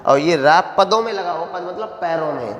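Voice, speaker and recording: A man teaching young pupils, his voice sitting a little high and ringing through a bare, reverberant room with a long echo. He draws syllables out slowly and keeps asking a question, then answering it himself. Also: animated. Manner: slow, drawn-out syllables, asks questions and answers them himself. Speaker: primary school Hindi teacher. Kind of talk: classroom lesson explaining grammar.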